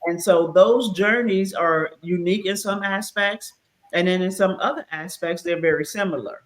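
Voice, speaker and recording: A woman in her fifties hosting a casual talk show, lively and quick to laugh with playful asides. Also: lowish voice, poor audio. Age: 50s. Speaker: host. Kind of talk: casual chat.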